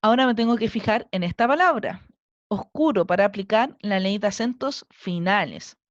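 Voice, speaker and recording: A woman's voice: medium pitch, lively intonation, moderate pace, no room sound, dull audio. A woman teacher with a Chilean Spanish accent, giving a recorded lesson and patiently counting syllables aloud step by step. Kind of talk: recorded online class lesson.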